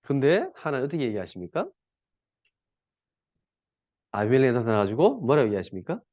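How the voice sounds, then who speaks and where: A man's voice: medium pitch, big pitch swings, fairly quick, no room sound. A male pastor preaching a sermon in a conversational, colloquial way, often asking the congregation rhetorical questions. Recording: dull lo-fi, dry.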